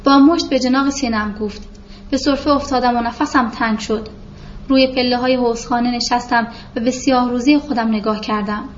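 A woman's voice: on the high side, fairly even intonation. Woman narrating a novel, lo-fi. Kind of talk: literary audiobook narration. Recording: dull lo-fi recording with faint hiss.

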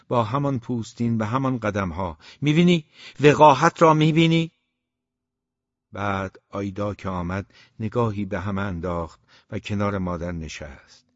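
A man narrating a novel as an audiobook in a measured, grave storytelling tone. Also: on the low side, no echo. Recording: dull, dry recording.

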